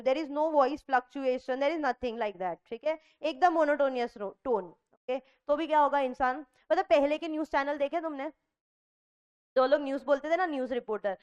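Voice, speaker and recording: An Indian woman giving a classroom revision lecture in a lively way, questioning her students, mixing Hindi and English. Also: high voice, dull audio. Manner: lively, asks the class questions and answers them herself. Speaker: commerce lecturer.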